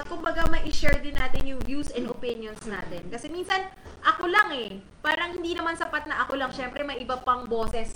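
A woman hosting a casual live stream chat, bubbly and reading viewer comments aloud. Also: sits high. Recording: roomy and noisy.

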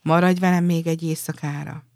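A woman voicing a generous, sorrowful statue prince who gives everything away, in a gentle storybook telling. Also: deep voice, level tone, dry recording, clean studio sound.

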